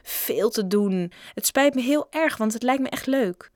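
A woman voicing a boy who grumbles and is fast to say no, reading a storybook aloud. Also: a little high, expressive, a little mellow, no echo, clean studio sound, pitched above the performer's own voice. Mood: flustered. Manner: sulky, quick to refuse. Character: boy, a complaining friend.

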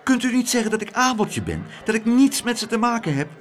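A man voicing a frightened young boy who pleads in a high, rushed voice. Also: big pitch swings. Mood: pleading. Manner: high, fast pleading rush.

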